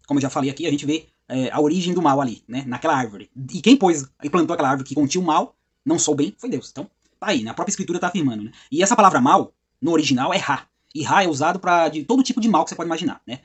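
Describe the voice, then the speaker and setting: A man giving an informal Bible study, talking conversationally with frequent tag questions and slowing down to read scripture passages aloud. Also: on the high side, husky. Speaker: Bible teacher.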